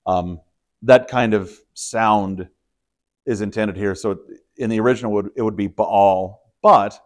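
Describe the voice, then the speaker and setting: Male pastor teaching a casual Bible study. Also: fairly low pitch. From Texas. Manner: conversational, explanatory, with frequent fillers and restarts. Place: church study room.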